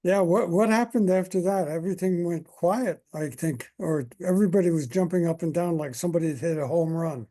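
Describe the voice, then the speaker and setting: An older man hosting a podcast interview, asking short relaxed questions. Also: fairly high pitch, a little fast, hardly any pauses. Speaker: podcast host. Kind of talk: casual interview talk.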